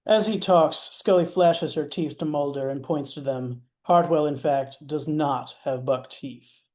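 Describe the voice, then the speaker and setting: A man's voice: fairly high pitch, measured pace, a little mellow. A man narrating stage directions in a matter-of-fact way, with wry asides. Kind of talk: scripted narration.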